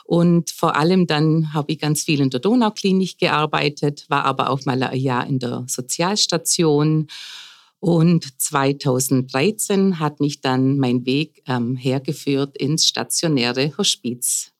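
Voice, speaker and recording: Low-voiced woman in her fifties. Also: a little slow. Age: 50s. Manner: thoughtful, explains at length with fillers. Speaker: palliative care coordinator. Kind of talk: conversational podcast interview.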